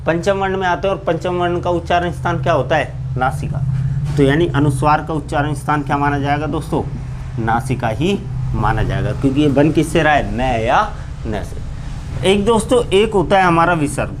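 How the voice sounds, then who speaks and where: A man's voice: animated, background noise. A man teaching Hindi grammar in a live online class, asking his students questions and answering them himself, often calling them "friends". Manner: keeps repeating "friends" to address students; drops low and slow on each answer. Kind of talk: live online exam-prep lecture.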